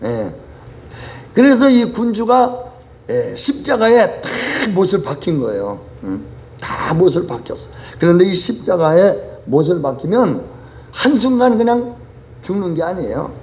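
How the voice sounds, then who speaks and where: A male pastor preaching a Sunday sermon, telling parables with lively storytelling. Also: sits high, measured pace. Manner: animated storytelling with vivid voice changes.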